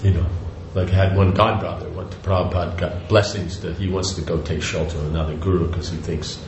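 Speaking low and brisk with little movement in pitch, this older spiritual teacher gives a loose, rambling devotional lecture. He keeps restarting, wandering into asides and leaning on "you know" in a conversational way. The lo-fi recording carries room echo and a faint hiss.

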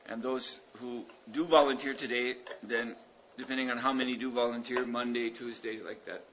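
A man leading a class, giving announcements in a measured way with pauses and fillers. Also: medium pitch, fairly even intonation, a bit bright. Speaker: class leader. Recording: muffled recording with background noise.

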